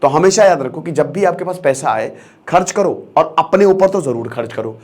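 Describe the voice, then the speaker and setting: A man's voice: a little high, lively intonation, moderate pace, darkish tone. A young man giving an emphatic motivational lecture as an online educator, switching between Hindi and English and repeating key phrases for stress.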